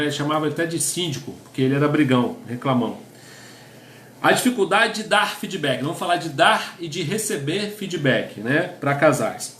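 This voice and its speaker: Teaching couples through a chatty sermon, this middle-aged Brazilian pastor has a somewhat high, fairly bright voice that echoes around the room. His Brazilian Portuguese accent comes through as he reads out definitions and adds "né?" to his sentences as a questioning aside.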